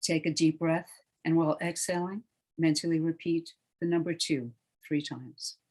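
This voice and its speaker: Meditation guide, guided relaxation read, hushed and soothing, trails off softly, mid-pitched. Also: steady tone, poor audio. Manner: slow, soothing, hushed delivery.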